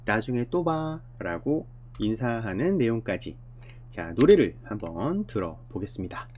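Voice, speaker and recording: A man teaching an elementary English lesson, explaining patiently step by step and repeating phrases slowly. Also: on the low side, very animated, a little mellow.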